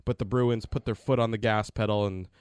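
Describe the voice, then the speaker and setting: A man's voice: fairly low pitch, fairly even intonation, brisk, darkish tone, smooth, no room sound, clean studio sound. A man hosting a conversational sports talk radio show. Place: radio studio.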